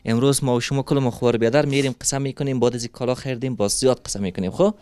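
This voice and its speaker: A man, hosting a street interview with working children and asking them questions in a gentle, coaxing, soothing way full of endearments. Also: mid-range voice, steady tone, clear, resonant tone, no room sound. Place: street outdoors.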